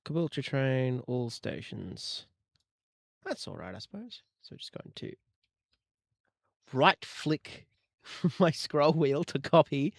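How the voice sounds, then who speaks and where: A man's voice: medium pitch, vocal fry, no echo, studio quality. A man chatting in a casual, jokey way on a livestream while he edits audio on his computer. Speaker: streamer editing rail audio.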